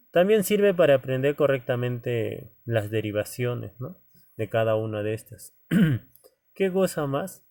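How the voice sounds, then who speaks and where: A man teaching an informal class. He speaks at a medium pitch in a loose, conversational way. He keeps checking in with his listeners and talks to them directly. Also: a little mellow. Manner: conversational, many "¿no?" tags and fillers; addresses students directly as "joven". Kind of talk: informal lecture to students.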